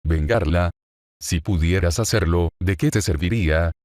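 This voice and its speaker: A man's voice: sits low, moderate pace, a little mellow, dry recording, studio quality, lightly acted. A man voicing a cruel, taunting female fallen angel in a fan story reading, in a mocking, gloating manner.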